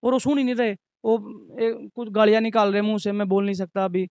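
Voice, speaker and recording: Young male restaurant manager, high voice, aggrieved and earnest, dry close sound. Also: level tone, fast talker, darkish tone, dry recording. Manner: earnest, aggrieved, recounting in detail. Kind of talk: interview testimony.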